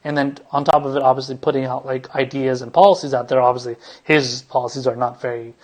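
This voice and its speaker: A man's voice: medium pitch, fairly even intonation, fast. A man hosting a political commentary podcast, talking in a rambling way with many restarts, fillers and casual swearing. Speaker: podcast host.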